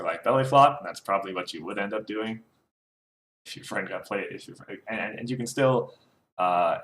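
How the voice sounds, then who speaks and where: A man with a low voice co-hosts a casual card game chat, stumbling through restarts and fillers as he explains. His voice rings with a noticeably roomy echo. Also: fairly bright tone. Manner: hesitant, many fillers and restarts. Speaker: co-host.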